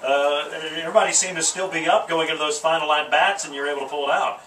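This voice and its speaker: A man's voice: fairly high pitch, fairly even intonation, quick pace, bright, forceful tone, distant mic. A male sports radio announcer interviewing after a game in a small wooden press box, asking long, rambling questions with restarts over a headset mic. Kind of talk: postgame interview. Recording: echoey, from off the mic, noisy outdoor ambience.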